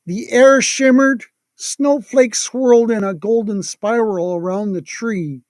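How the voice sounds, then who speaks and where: A storyteller narrating a children's tale gently and expressively, with dramatic pauses. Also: mid-range voice, no room sound. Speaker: storyteller and meditation host.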